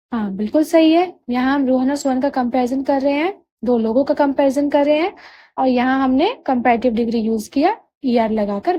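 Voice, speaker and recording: A woman teaching English grammar, patiently checking understanding and drawing out key words slowly. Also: sits high, dark tone, slight background noise. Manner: drawls key words slowly to spell them out. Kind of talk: explanatory lesson.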